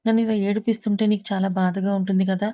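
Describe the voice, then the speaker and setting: A woman voicing a grieving young woman who pleads tearfully and softly at a loved one's bedside. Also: medium pitch, little pitch movement, quick pace, lo-fi sound, natural voice. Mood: pleading.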